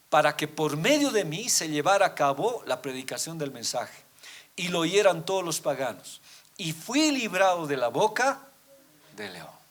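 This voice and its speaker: A man preaching a sermon to his congregation, reading scripture aloud and asking rhetorical questions, swinging between loud emphatic peaks and quiet low drops. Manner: addresses listeners as brothers, asks rhetorical questions; reads scripture aloud, often slowing down. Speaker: pastor.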